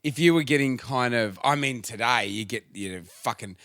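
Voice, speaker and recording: A man's voice: medium pitch, normal speed, a bit bright, dry recording, studio quality. A middle-aged man with an Australian accent, co-hosting a casual podcast chat in a laid-back, sweary way. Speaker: podcast co-host.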